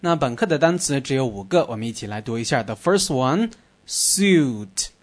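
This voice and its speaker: A man teaching an English lesson on the radio, drilling words clearly and patiently. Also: medium pitch, expressive, normal speed.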